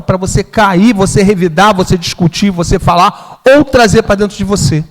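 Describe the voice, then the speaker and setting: A man preaching a sermon as pastor. He tells a personal story and acts out the dialogue in it. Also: high voice. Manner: storytelling, acts out his own and his mother's lines. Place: church hall. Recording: long hall reverb.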